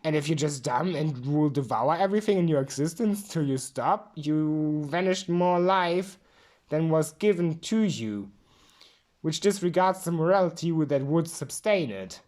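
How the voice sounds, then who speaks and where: A woman's voice: low-pitched, animated, a little slow, darkish tone. A woman giving a drunk, rambling philosophical monologue, emphatic and repeating herself.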